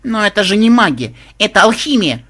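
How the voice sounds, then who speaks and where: A man voicing an excitable young woman gamer who shouts shrilly. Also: high voice, slow, voice pushed up, heavily acted. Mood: excited.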